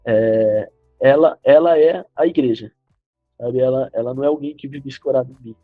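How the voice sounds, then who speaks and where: A man with a Brazilian Portuguese accent, a podcast guest speaking in a measured, reflective way. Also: medium pitch, dry recording, faint music behind. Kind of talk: casual podcast chat. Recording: dull lo-fi sound.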